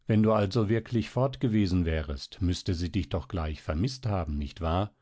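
Give me a kindly but stern doctor, read by a man in a low, mellow voice. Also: moderate pace. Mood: gentle. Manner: calm, reassuring yet stern. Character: kindly, firm, dismissive male doctor.

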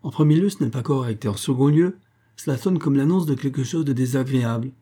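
A man's voice: medium pitch, quick pace, mellow, voice pushed up, lightly acted. A man reading aloud who voices a stern, pompous middle-aged schoolmaster, questioning imperiously and impatiently.

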